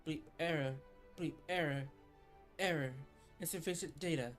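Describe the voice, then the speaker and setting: A man voicing a glitching, cold machine intelligence, reading its lines in a clipped, flat robotic way with error stutters. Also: on the high side, moderate pace, faint music behind, close to an everyday voice. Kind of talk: reading game dialogue aloud.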